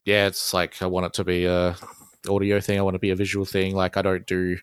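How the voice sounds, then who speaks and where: A man's voice: sits low, monotone, quick pace, smooth, dry recording, clean studio sound. An Australian man being interviewed on a podcast about his music, talking in a rambling, self-deprecating way and laughing often. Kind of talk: casual interview chat.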